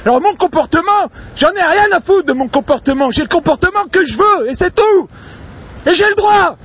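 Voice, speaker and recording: A man ranting angrily outdoors in a public place, swearing and repeating himself, his voice hoarse from shouting. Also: very high voice, lively intonation, normal speed. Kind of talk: angry outdoor rant to camera.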